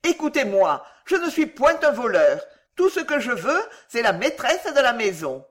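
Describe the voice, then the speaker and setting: A woman voicing a flustered elderly gentleman who pleads loudly and desperately to be heard. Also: mid-range voice, sing-song, a little slow. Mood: pleading.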